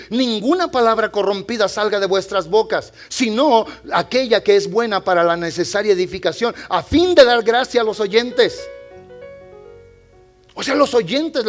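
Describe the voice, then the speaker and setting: A male pastor preaching a sermon in a church, swinging between loud exhortation and quiet storytelling. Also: high-pitched, animated, normal speed, faint music behind.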